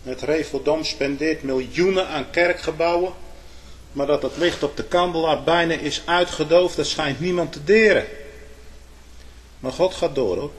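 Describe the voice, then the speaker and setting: In old biblical phrasing, a man preaches a sermon, swinging between hushed asides and loud proclamations and often saying "hè". His voice is a little high and his speed normal.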